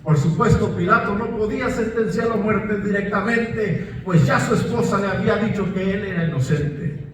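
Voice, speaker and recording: A male pastor preaching a fervent sermon, breaking into shouts and calls of praise, recorded in a church from a distance. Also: sits high, moderate pace. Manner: fervent, bursts into shouts, interjects "aleluya". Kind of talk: Pentecostal-style sermon. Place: church sanctuary. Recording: echoey hall, distant mic, faint noise.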